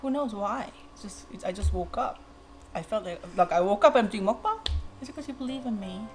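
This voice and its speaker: A woman's voice: medium pitch, expressive, a little fast, faint music behind. A woman vlogger chatting casually while eating, rambling through a story and laughing easily. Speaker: mukbang vlogger.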